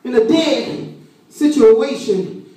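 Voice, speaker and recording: A high-voiced woman preaching a sermon, rising into shouted, sing-song runs. She is caught by a phone from across a church sanctuary. The sound booms and rings in a big, echoey hall. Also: animated, slow pace, distant mic. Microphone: phone camera from across the room.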